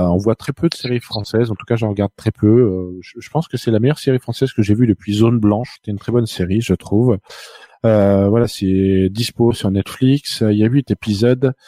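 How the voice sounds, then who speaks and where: Guy hosting a casual chat show, lowish warm voice, dry mic. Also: moderate pace, no echo. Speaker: host.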